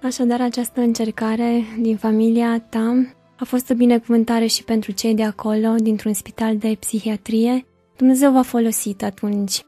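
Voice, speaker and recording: A woman hosting a faith talk show in a studio, asking measured, probing questions. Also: fairly high pitch, level tone, mellow, dry recording, faint music behind.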